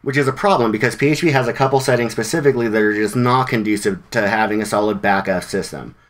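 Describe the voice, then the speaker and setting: A man's voice: fairly low pitch, fast. A man giving a casual, conversational presentation to a developer meetup, with informal slang and frequent restarts. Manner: conversational, with many fillers and restarts.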